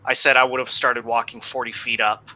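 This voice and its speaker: A man playing a tabletop game in an easygoing, casual way. His voice is very bright and sharp, with faint noise behind it. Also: medium pitch, flat delivery, a little fast, rough recording. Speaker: player.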